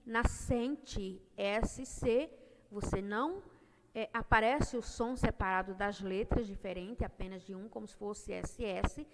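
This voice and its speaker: A woman teacher slowly explaining a grammar lesson to children, reading out example words one at a time. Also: medium pitch. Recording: long reverb, faint noise.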